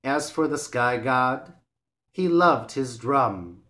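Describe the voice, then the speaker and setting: Male narrator for learner stories, very slow and deliberate, mid-pitched. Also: lively intonation, pushed and bright. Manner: slow, clear and measured reading. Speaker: English teacher. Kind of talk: storybook read-aloud for English learners.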